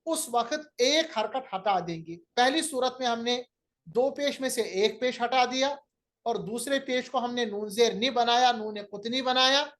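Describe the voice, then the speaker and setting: A man's voice: very high-pitched, measured pace, fairly bright tone. A man teaching a lecture on recitation rules, patiently repeating each rule and drawing out syllables to model the sounds.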